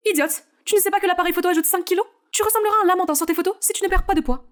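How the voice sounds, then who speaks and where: A domineering mother and manager from an animated story, curt and cold, barking orders, voiced by a woman narrator. Her voice sits high and moves quickly. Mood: commanding. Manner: curt and commanding.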